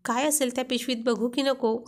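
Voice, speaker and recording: A woman narrating a romantic storybook in an even, unhurried way. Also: high-pitched.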